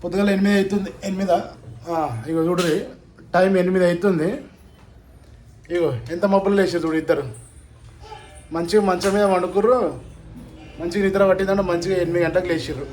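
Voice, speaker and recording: Chatty Telangana-accented vlogging mum. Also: female voice, fairly low pitch, fairly even intonation, quick pace, long pauses, a little mellow, a little hiss or hum. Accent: Telangana Telugu. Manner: chatty, coaxing and teasing with the kids. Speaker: family vlogger. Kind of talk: casual home vlog, talking to camera and children.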